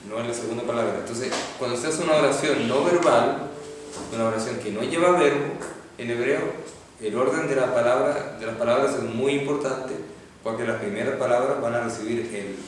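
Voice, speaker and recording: Brisk and mid-range, this man's voice carries a Hebrew grammar lecture where he patiently walks students through each step and checks in with them. The recording is distant and echoey, with faint noise in the classroom.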